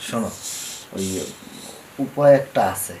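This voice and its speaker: A man's voice: unhurried, darkish tone, slight background noise, lightly acted, low-quality recording. A man playing a sleazy village moneylender. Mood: demanding. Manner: blunt, demanding, coarse dialect. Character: sleazy male village moneylender, pushy and greedy. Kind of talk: TV drama acting.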